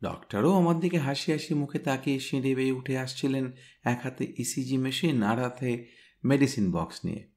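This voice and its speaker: A man reading a story aloud, voicing a smart young woman who briskly recounts a crime scene. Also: medium pitch, darkish tone, lightly acted. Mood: animated, brisk.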